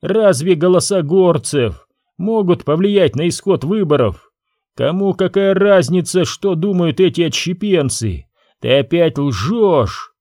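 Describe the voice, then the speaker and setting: Male reader as a hot-headed young prince, high and lively, dark dry tone, storybook reading. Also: unhurried, no echo. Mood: furious. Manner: heated, accusing, shouting. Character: proud angry young prince, quick to accuse.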